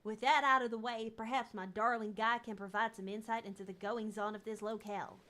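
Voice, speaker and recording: A woman's voice: medium pitch, a little slow, close to an everyday voice. A woman voicing a flamboyant, dramatic male fantasy author in a put-on Texan accent, with theatrical, grandiose phrasing.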